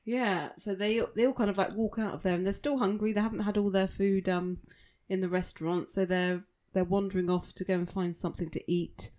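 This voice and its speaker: Relaxed woman podcast co-host. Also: mid-range voice, brisk, few pauses. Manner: relaxed, recapping the story. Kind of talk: casual chat.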